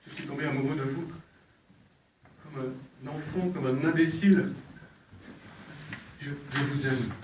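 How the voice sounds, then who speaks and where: A man's voice: on the high side, darkish tone, slight background noise, close to an everyday voice. A man on an amateur stage playing a proud, flustered country landowner in love, declaiming and lurching between bluster and confession. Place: theatre stage. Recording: echoey, distant stage recording.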